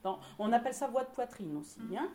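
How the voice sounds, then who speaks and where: A woman's voice: on the high side, animated, fast talker, dark tone, reverberant. A woman leading a choir rehearsal, encouraging the singers and explaining vocal exercises, sometimes singing examples. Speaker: choir director.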